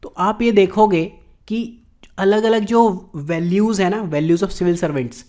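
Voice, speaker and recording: Mellow-voiced Indian man teaching exam prep. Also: high voice. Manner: explanatory, slows down to read English question text. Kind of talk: lecture explaining exam questions.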